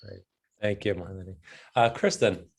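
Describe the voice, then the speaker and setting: A man facilitating a meeting, brisk and polite, calling on people one by one over a video call. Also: low voice, vocal fry. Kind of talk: running a meeting.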